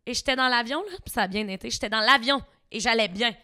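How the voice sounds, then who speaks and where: This young woman in her twenties speaks with a Québécois accent, and her voice sits a little high and rings bright and forceful. She tells stories in an excitable, animated way, acting out sounds as she goes. The recording is close and dry. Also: fast, no echo. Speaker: podcast guest. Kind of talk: casual chat.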